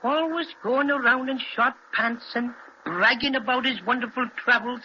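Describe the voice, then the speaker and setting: A man's voice: very high-pitched, moderate pace. An actor voicing a cheerful, brave little male teddy bear in a 1930s children's radio serial, bossy and protective. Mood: scornful. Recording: dull old 1930s radio recording, faint hiss.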